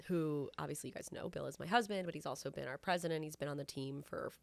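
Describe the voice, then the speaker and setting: A company founder in her thirties co-hosts a podcast, chatting casually in a low, gravelly voice and talking fast. She's animated, laughs often and fiddles with the recording settings, with no echo on the audio.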